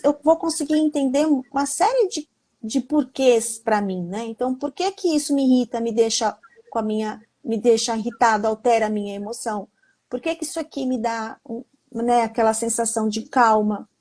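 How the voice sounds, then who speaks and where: Woman, guest speaker, high voice, casual live chat, frequent restarts, acted-out quotes. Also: warm tone.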